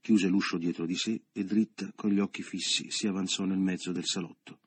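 A man narrates a literary novel in a measured, subdued way. His voice sits very low and has a husky grain. The recording is close and dry. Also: fairly even intonation, no echo. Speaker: audiobook narrator.

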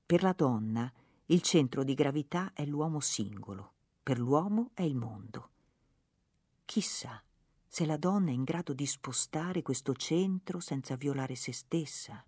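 A woman reading aloud from a diary in a measured, reflective way. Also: a bass voice, mellow, husky. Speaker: reader. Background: faint music.

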